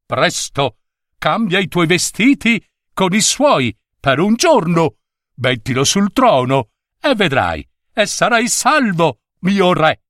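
A man's voice: high voice, sing-song, slow, fairly bright tone, no room sound, studio quality, voice pushed up, heavily acted. A man voicing an old, eccentric male royal wizard who makes insistent, solemn pronouncements in a storybook tale.

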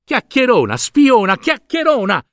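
Stammery little boy voice, high and jumpy, all over the place, done by a man reading a story. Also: very animated, unhurried, dry recording, studio quality. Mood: shrill anger. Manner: stammering, evasive, then shrill and angry.

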